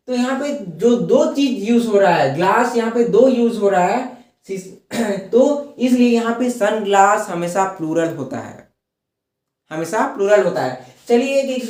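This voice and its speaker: A man's voice: sits high, darkish tone, roomy sound. A male teacher explaining a grammar lesson. He repeats each point and asks questions that he then answers himself.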